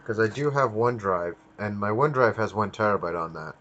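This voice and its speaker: A man's voice: on the low side, brisk, a bit bright, dull audio. A man hosting a casual livestream, ranting with lots of swearing. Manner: profane ranting. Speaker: stream host.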